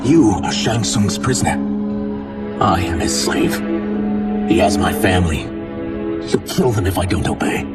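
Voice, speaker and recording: A man's voice: low-pitched, unhurried, pauses often. A man playing a guilt-ridden, desperate enslaved shapeshifter in a video game, earnest and pleading. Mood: resigned. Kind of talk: dramatic video game acting. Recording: distant, under loud cinematic music.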